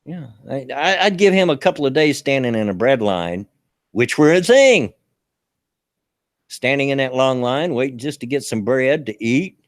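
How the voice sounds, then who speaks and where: Chatting casually about politics as a podcast host, a Southern US man stammers, restarts, and chuckles frequently. He speaks at a moderate pace and medium pitch with lively intonation, in a dry recording with clean studio sound.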